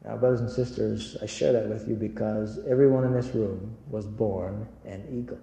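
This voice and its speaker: A man's voice: on the low side, steady tone, moderate pace, creaky, mellow. A man giving an earnest inspirational church talk, telling stories and speaking directly to his audience. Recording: echoey hall with long reverb.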